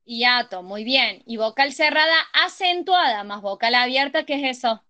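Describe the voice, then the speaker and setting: A woman's voice: a little high, expressive, normal speed, pushed and bright. A woman teaching a grammar class, often checking that students follow. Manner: checks understanding with frequent ¿sí? and ¿estamos?. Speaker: tutor.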